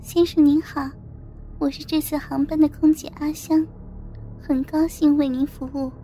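A woman's voice: sits high, steady tone, a little slow, gravelly, mellow, slight background noise. A woman voicing a young female flight attendant in an audio story, stammering tearful pleas and speaking sweetly and bashfully. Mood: sweet coy.

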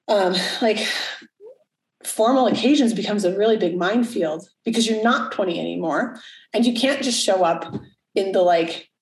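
A woman's voice: a little high, roomy sound, poor audio. A woman in her early forties, a coach, talking frankly and reflectively in casual chat, cursing now and then. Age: 40s.

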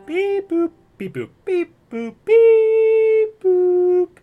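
A man's voice: extremely high pitch, very animated, extremely slow, phone-quality sound, loud music behind the voice, voice pushed up, full character voice. A man, a podcast co-host, playfully voicing a robot making computer processing beeps. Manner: playful, repetitive robot beeping. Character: chirping beep-boop robot, computer processing noises.

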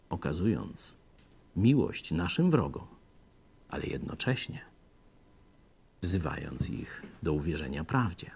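A man preaching a sermon, emphatic, swinging between raised peaks and low, hushed phrases. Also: vocal fry, husky.

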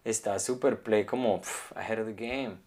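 Animated man telling stories with voices. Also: on the low side, moderate pace. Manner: animated storyteller, mimics voices loudly. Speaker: podcast co-host. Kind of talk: casual comedy chat. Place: podcast studio.

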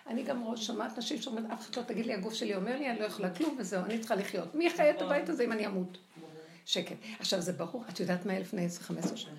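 An older woman giving a lively spoken religious lecture, acting out the voices she quotes. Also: medium pitch, crowd noise. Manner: animated, acts out quoted voices. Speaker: religious teacher. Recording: echoey room with faint noise.

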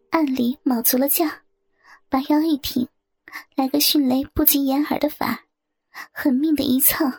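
High-voiced woman narrating a story. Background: soft guitar music.

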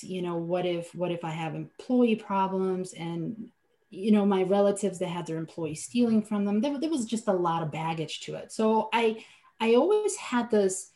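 Her voice sits in the mid range and sounds a little mellow. She's a Slovenian finance business owner, Slovenian by first language, giving earnest, reflective podcast interview answers with many restarts.

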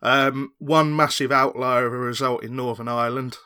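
A man's voice: medium pitch, fairly even intonation, normal speed, sharp tone, smooth. A man on a podcast panel, giving rambling, enthusiastic football analysis. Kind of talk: casual chat.

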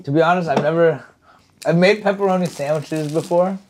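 A man's voice: a little high, brisk, darkish tone, slight background noise. A man co-hosting a casual cooking chat, laid-back and joking, swearing freely. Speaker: co-host.

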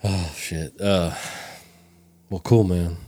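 A man's voice: deep voice, dark tone, slightly rough, no echo. A man in his thirties hosting a podcast, loose and joking, swearing often. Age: 30s. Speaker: podcast host. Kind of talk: casual podcast chat.

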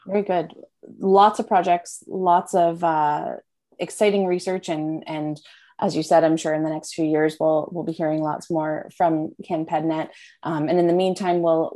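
A woman with a very low, mellow voice hosts a podcast interview. She answers with short affirmations and moves steadily into the wrap-up. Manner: brief affirming replies, then a smooth wrap-up. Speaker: podcast host.

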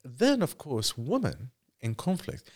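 A middle-aged man from Iraq, a journalist guest, answering in measured, reflective sentences that list examples and sometimes restart. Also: mid-range voice, huge pitch swings, darkish tone.

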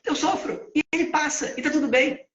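A man teaching Vedanta ideas, who poses questions to himself and answers them in a lively spoken lesson. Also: very high-pitched, brisk. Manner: asks and answers his own questions. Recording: echoey, dull lo-fi sound.

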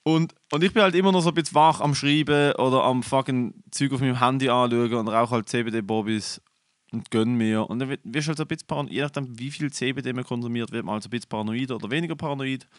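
A young man rattles through anecdotes at a quick clip, recorded close and dry. He curses casually and sprinkles in English slang as he chats. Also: medium pitch, dry recording. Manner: animated retelling, swears a lot, mixes in English slang. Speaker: podcast co-host. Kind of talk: casual storytelling chat.

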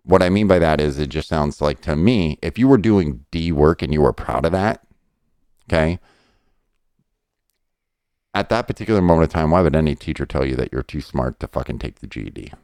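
Deep voiced middle aged guy, pushy and sweary, casual debate, dry close sound. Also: a little fast, a little mellow, clear, resonant tone, no echo. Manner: blunt, insistent, profane.

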